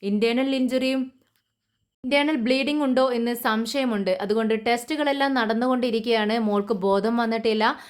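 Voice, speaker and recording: Grave male doctor, read by a woman; slow, measured delivery. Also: a little high, steady tone, clear, resonant tone, lightly acted.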